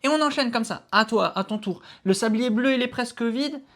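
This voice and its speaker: Man calmly explaining game rules. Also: extremely high pitch, brisk. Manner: explanatory, steady, with hesitations. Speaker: board game show co-host.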